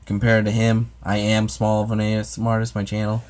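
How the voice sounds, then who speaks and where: A fairly quick, monotone voice on the low side, slightly mellow, belongs to an American ASMR channel host. He chats with his audience on a livestream, responding to comments in loose, hesitant talk packed with fillers and false starts.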